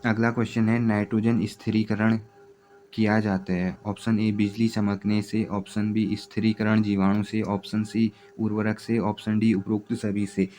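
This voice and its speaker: A man teaching exam preparation, reading out multiple-choice questions and their answers in a steady, repetitive way. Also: fairly low pitch, moderate pace.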